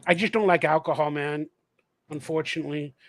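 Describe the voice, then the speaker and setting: A man's voice: fairly high pitch, steady tone, a little fast. A man hosting a casual fan livestream, talking animatedly and acting out quotes as he tells stories, swearing freely. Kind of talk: casual chat.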